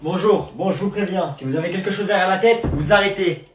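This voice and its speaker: A man's voice: high voice, a little fast, roomy sound, soft background music. Man doing schoolroom sketch comedy. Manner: switches between stern teacher and cheeky pupils. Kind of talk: sketch comedy, playing teacher and pupils.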